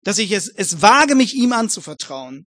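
High-voiced man preaching earnestly. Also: big pitch swings, moderate pace, bright, forceful tone, dry recording. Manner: earnest, addresses listeners formally, builds emphatic repetitions. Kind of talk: Bible exposition sermon.

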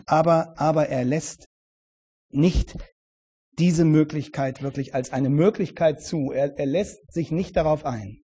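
A man preaching a sermon in an earnest, emphatic way, often repeating words for stress and shifting between quiet and loud. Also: on the high side, measured pace, slightly rough.

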